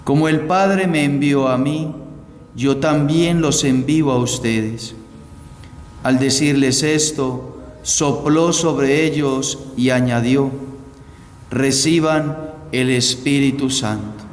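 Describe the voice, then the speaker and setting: A man, a priest, reading the Gospel and preaching a Pentecost homily in a slow, measured liturgical way, with a cathedral echo. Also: medium pitch. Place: large church. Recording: echoey church hall, faint background hiss.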